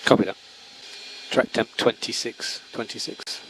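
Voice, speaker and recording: A man's mid-pitched voice comes over a noisy race car radio with vehicle sound behind it. He is a race engineer feeding the driver clipped instructions, often repeating the key words. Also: fairly even intonation, measured pace, fairly bright tone.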